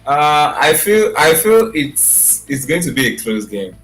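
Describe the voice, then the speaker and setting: A man's voice: on the high side, big pitch swings, a little slow, a bit bright, faint music behind. A man managing a gaming team, talking on a video call in a hesitant way with many fillers.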